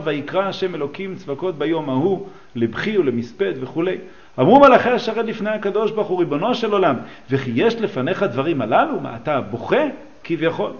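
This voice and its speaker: Lively higher-voiced man teaching scripture. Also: highs cut off. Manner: explains texts line by line and asks the class questions. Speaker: religious teacher. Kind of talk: teaching a class on a psalm and midrash.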